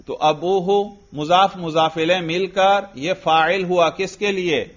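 A man's voice: high-pitched, steady tone, muffled recording. A man teaching Arabic grammar in a classroom lesson, asking questions and answering them himself step by step.

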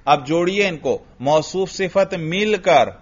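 A man teaching an Arabic grammar lesson, firing questions at his students and answering them himself. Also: high voice. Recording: dull lo-fi recording.

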